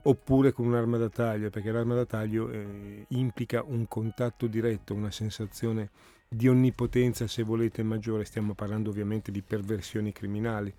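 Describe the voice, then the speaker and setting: A man's voice: lowish voice, level tone, moderate pace, mellow, faint music behind. A man guest on a radio talk show, explaining cases in a thoughtful way with many hesitant fillers. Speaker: criminologist guest.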